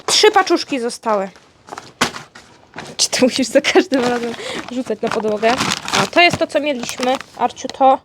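With background noise around her, a woman whose voice is on the high side talks to her dog at a moderate, animated pace. She's a vlogger at home, unwrapping his birthday presents and playfully coaxing him.

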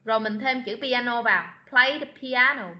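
A woman teaching an online class, patiently repeating words slowly to model pronunciation. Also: a little high. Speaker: English teacher. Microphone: video call. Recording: lo-fi video meeting recording.

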